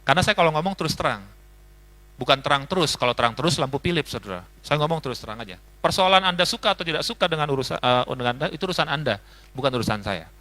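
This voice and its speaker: A man's voice: high-pitched, fast, few pauses, pushed and bright. A man doing a blunt bossy boss. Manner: commanding, dismissive.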